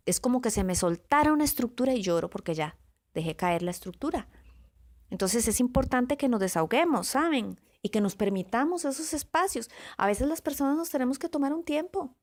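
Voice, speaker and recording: A woman motivational speaker giving a calm, reflective podcast talk, listing words one by one with pauses and often checking in with her listeners. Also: fairly high pitch. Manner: often checks in with the listener with a soft question tag. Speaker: motivational speaker on self-awareness.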